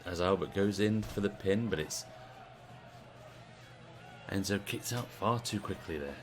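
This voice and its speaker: A British man giving casual play-by-play commentary on a video game wrestling stream, chatty and relaxed. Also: low voice, unhurried, faint music behind. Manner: chatty, relaxed, asks the audience.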